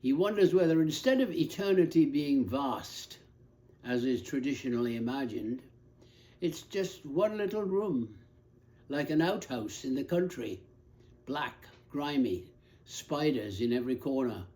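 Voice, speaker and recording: A man's voice: medium pitch, normal speed, mellow. A man giving an earnest, scripted lecture on a novel, telling it like a story. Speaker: lecturer on literature.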